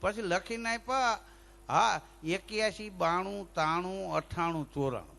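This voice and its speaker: A male folk comedian spins comic village tales and slips into lisping character voices. His voice sits high and has a gravelly edge. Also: unhurried. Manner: lively joke-telling with sung bits and acted lisping voices. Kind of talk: dayro comic storytelling.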